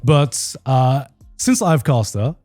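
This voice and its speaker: Mellow man chatting casually, dry close sound. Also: medium pitch, expressive, slow, no room sound, soft background music. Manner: informal, swears freely. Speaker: show host who cast an anime. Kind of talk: casual chat, telling an anecdote.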